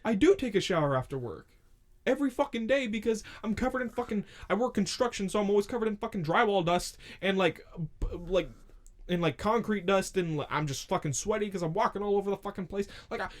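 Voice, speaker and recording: Young guy rambling and swearing on a home podcast mic, kinda higher voice, tons of "like". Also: lively intonation, fast. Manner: rambling and profane, lots of filler "like". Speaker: podcast co-host. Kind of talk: casual chat. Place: home room. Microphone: studio mic with pop filter.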